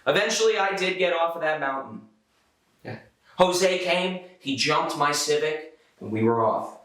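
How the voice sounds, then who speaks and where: A young man performs stand-up in a fairly high voice. He tells his story theatrically, with exasperation and dramatic pauses. The sound is drenched in echo and sits a little away from the mic. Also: lively intonation, a bit bright. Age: 20s. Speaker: stand-up comedian. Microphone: handheld microphone. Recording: very echoey, somewhat distant sound.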